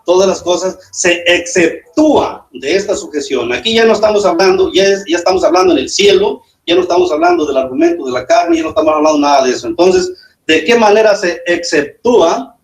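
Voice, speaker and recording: A man, a pastor, arguing in a debate, hesitant with many fillers and sudden jumps in pitch. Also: very animated, brisk. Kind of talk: spontaneous debate argument. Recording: echoey room.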